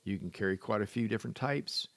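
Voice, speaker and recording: Wry low-voiced man giving fishing tips. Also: fast, no echo. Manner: folksy, wry, self-deprecating humor. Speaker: fishing podcast host and charter captain. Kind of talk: solo podcast tips talk.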